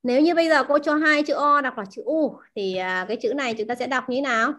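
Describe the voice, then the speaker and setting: High-voiced woman teaching a class. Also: fast talker, fairly bright tone. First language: Vietnamese. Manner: asks the class questions, repeats key words. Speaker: language teacher.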